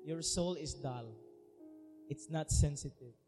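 A man's voice: fairly high pitch, slow pace. A man with a Filipino Cebuano accent preaching a sermon as a pastor, earnest and confessional, switching between languages. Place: church hall. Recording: reverberant church hall with music.

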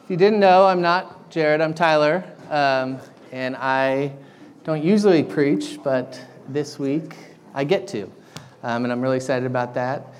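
A young man preaching a sermon in a casual, halting way with lots of ums, his voice carrying an echoey big-room sound. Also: on the high side, fairly even intonation. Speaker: guest preacher.

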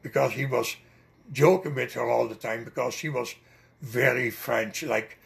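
A man's voice: mid-range voice, steady tone, unhurried, vocal fry, a bit bright. An older man with a Dutch accent, telling long rambling stories with many hesitations in an oral history interview. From Netherlands.

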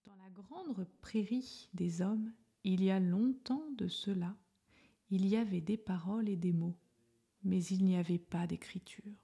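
A woman reading a children's storybook aloud with gentle expression. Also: medium pitch, a little slow, gravelly, slightly rough.

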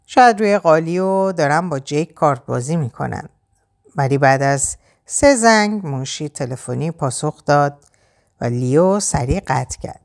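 A woman narrates an audiobook in a colloquial, spoken register. Her voice is low yet very lively in its melody, rising and falling through the story.

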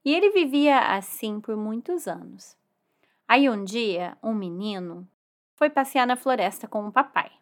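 A woman narrating a children's story expressively. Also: on the high side. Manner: animated, expressive, drawn-out words.

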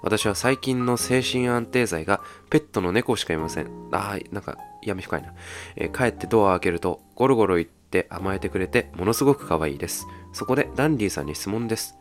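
A man with a strikingly low voice reads out listener mail. His pitch swings widely as he jokes, and he shifts into teasing, deadpan comments. Soft music plays underneath. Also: fairly quick. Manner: deadpan joking asides, mock-boastful. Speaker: radio host reading listener letters. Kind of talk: casual solo radio show banter. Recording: faint music bed behind.

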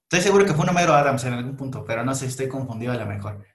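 A man's voice: mid-range voice, racing. Slangy man, echoey room. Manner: animated storyteller, slangy, frequent restarts and laughs. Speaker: podcast host. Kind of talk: casual chat.

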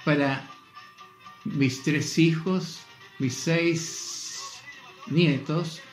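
Slow-talking Chilean man in his eighties. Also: fairly high pitch, fairly even intonation, roomy sound, faint music behind. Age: 80s. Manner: unhurried, chuckling, self-deprecating. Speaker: guest. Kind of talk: casual radio interview.

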